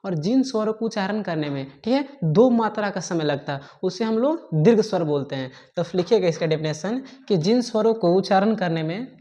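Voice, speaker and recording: A woman teaching a grammar lesson, dictating notes slowly and repeating each point with frequent checking fillers. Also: medium pitch, animated, warm tone.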